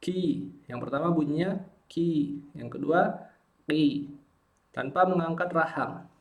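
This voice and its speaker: A man's voice: a little high, slow pace, creaky. A man teaching Quran pronunciation, patiently modelling syllables again and again. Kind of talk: pronunciation lesson.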